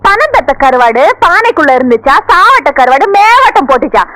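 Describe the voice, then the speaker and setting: An actress playing a bold young village wife who scolds and taunts in a rush of proverbs. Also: female voice, sits high, very animated, a little fast, bright, forceful tone, no room sound, heavily acted, rough recording. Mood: taunting. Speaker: film actress. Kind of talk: film dialogue.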